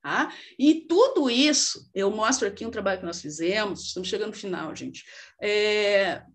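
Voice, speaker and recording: A woman's voice: mid-range voice, normal speed. A middle-aged woman with a Brazilian accent giving an informal lecture on literacy, with many fillers and rhetorical questions. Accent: Brazilian Portuguese. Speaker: lecturer on literacy and child development.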